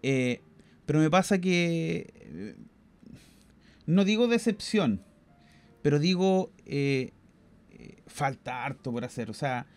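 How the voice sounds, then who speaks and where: A man's voice: fairly high pitch, very animated, takes it slowly, long pauses, darkish tone. A Chilean man co-hosting a podcast, giving strong opinions in casual discussion and often repeating words as he thinks. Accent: Chilean Spanish. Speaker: podcast co-host.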